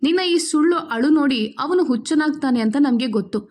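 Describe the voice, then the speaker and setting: Sharp-tongued sister-in-law in a storybook, spiteful and taunting, read by a high-voiced woman. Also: lively intonation, normal speed. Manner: reproachful, taunting.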